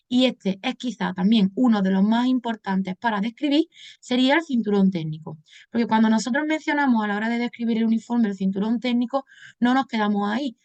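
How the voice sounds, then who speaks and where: Higher-voiced woman teaching English vocabulary. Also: a little mellow, muffled recording. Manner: explains step by step, addressing students as a group. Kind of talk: recorded lesson explanation.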